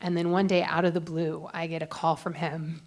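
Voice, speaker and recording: A woman's voice: low-pitched, level tone, fairly quick, a little mellow. A woman reporter speaking on a panel, telling a story in a chatty way with many fillers. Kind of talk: anecdotal panel talk.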